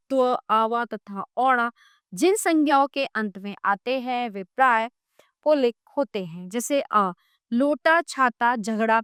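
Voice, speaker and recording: A woman reading a textbook grammar lesson aloud, slowly listing example words one at a time with clear pauses. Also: fairly high pitch, a bit bright, no echo, clean studio sound. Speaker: grammar teacher.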